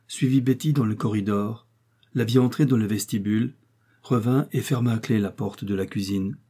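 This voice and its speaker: Un homme qui lit un roman à voix haute, d'un ton posé et régulier. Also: male voice, mid-range voice, dark tone, husky. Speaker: audiobook narrator. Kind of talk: audiobook reading of a novel.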